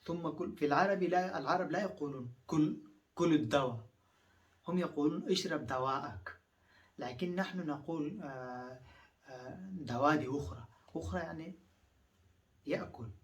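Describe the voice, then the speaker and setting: A man's voice: fairly high pitch, normal speed, pauses often, far from the mic. A man from Afghanistan whose first language is Pashto, teaching phrases in a lesson and repeating each one several times with patient explanations.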